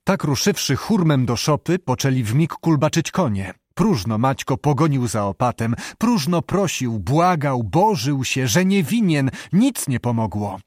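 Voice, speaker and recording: Male narrator, dramatic audiobook reading, animated pitch, dry studio sound. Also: measured pace, hardly any pauses, no echo. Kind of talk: audiobook narration of a historical novel.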